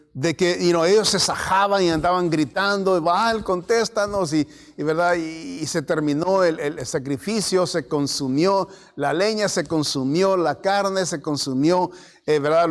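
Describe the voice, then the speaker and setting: A male pastor preaching a sermon in a conversational way, often checking in with "¿verdad?" and in words. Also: on the high side. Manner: conversational preaching, frequent "¿verdad?" tags, mixes in English words.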